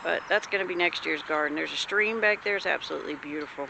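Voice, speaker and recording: A woman from the American Deep South with a Southern accent, chatting casually in a folksy, homespun way as she shows viewers around outdoors. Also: fast talker, creaky. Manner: folksy, homespun, plain-spoken. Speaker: homesteader vlogger. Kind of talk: casual rambling show-and-tell chat. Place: outdoors in a rural yard. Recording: noisy outdoor recording with birds.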